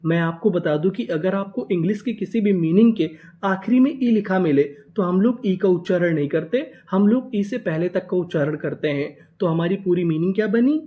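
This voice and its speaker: Warm, patient teacher's voice for a phonics lesson: spells each word out, sounds it out slowly, then drills it with call-and-response questions. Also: medium pitch. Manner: spells words out letter by letter, then drills them with repeated questions; slow and deliberate on sounded-out words. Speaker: English reading teacher.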